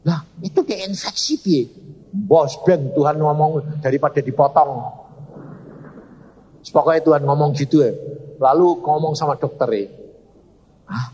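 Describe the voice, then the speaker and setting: A man's voice: a little high, normal speed, pauses often, warm tone. A man with a Javanese accent preaching a storytelling sermon, acting out dialogue in many voices. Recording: reverberant hall, dull lo-fi sound.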